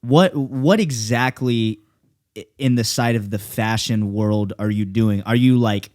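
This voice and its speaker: A man's voice: lowish voice, unhurried, darkish tone. Casual, profane young man hosting a podcast. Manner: loose and profane, lots of fillers. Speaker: podcast host.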